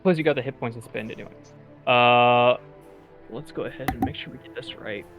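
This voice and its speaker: A man acting as game master, explaining rules in a relaxed, rambling way and laughing often. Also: medium pitch, fairly quick, over music. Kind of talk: running a tabletop game.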